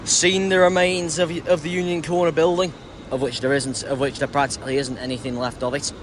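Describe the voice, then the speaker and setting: A man's voice: a little high, flat delivery, a little fast. A man giving casual vlog commentary as a trainspotter, hesitant and often correcting himself. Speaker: trainspotting vlogger. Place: large railway station. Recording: clear railway station background noise.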